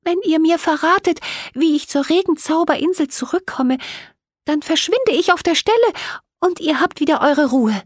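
Storybook fairy girl, tiny and mischievous, bubbly and high, a woman reading it out, lively swoops. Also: normal speed, dry recording, studio quality. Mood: apologetic. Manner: bright, giggly, bubbly.

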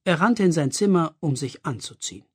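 An audiobook reader narrating a story expressively with a husky voice. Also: medium pitch, expressive, a little fast. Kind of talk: scripted narration.

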